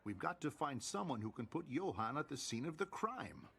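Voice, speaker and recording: A man acting an earnest, reassuring male investigator in an anime dub, with a gravelly voice and emphatic, coaxing delivery. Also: on the high side, big pitch swings, normal speed, a crowd in the background. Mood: methodical.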